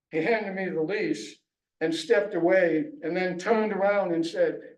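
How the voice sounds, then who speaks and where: A man's voice: fairly high pitch, a little mellow, lo-fi sound. A male author reading his memoir aloud at a library book launch, telling it with a wry, chuckling storytelling manner. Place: library event room. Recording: echoey room, distant mic.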